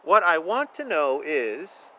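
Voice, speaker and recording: A man with a slightly high, sing-song voice reads a picture book slowly to young children outdoors. He is playful and talkative, exclaims, makes asides, and stretches words for emphasis, against faint outdoor ambience.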